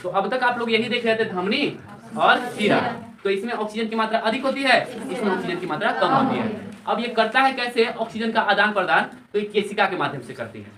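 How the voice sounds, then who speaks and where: A man lectures a live class, quizzing the room again and again and echoing back what the students answer. His voice bounces around an echoey classroom, picked up from a distance, with students clearly heard in the room. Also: sits high, lively intonation, fairly quick, a crowd in the background. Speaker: teacher.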